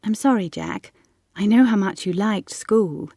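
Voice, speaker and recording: A woman voicing a lively, eager young girl from the gentry who chatters and coaxes. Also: medium pitch, unhurried, no echo, clean studio sound. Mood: excited. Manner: excited, chattering, coaxing.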